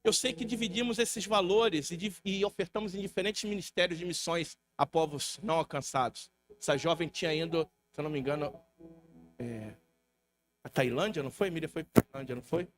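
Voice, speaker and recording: Um pastor brasileiro pregando um testemunho em estilo de sermão numa igreja, contando a história com vivacidade e imitando as vozes de outras pessoas. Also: male voice, a little high, fairly quick, slight background noise. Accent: Brazilian Portuguese. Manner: lively storytelling, acts out quoted voices. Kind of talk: sermon testimony. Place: church hall.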